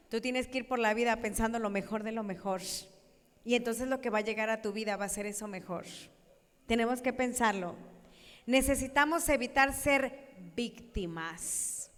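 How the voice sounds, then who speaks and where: A woman giving a lively sermon talk, acting out voices and asking her audience questions. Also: a little high, moderate pace. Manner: animated, acts out quoted voices, questions the audience. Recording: echoey hall.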